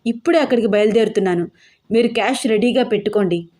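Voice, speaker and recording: A woman's voice: mid-range voice, quick pace, mellow, natural voice. A woman voicing a pushy, sly young man in a story.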